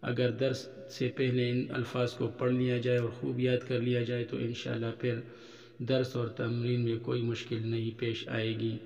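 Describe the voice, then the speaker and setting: A man's voice: mid-range voice, completely flat delivery, normal speed, darkish tone, lo-fi sound. A man teaching an Arabic lesson, patiently explaining each point and drawing out the example words. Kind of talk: recorded religious-school lesson. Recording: roomy hall echo.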